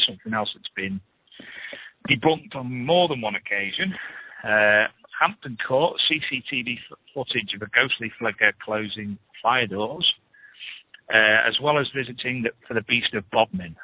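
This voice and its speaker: A man's voice: mid-range voice, breathy edge, no room sound. A man hosting a radio show, reading paranormal news with chatty, scoffing asides. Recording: phone-like lo-fi radio, dry.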